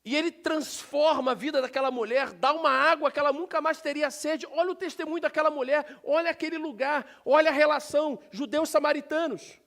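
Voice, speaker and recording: This very high-pitched Brazilian pastor talks in a brisk, gravelly voice with hardly any pauses. His sermon in the church sanctuary is animated and aimed straight at the congregation, punctuated by abrupt loud shouts, all in a Brazilian Portuguese accent.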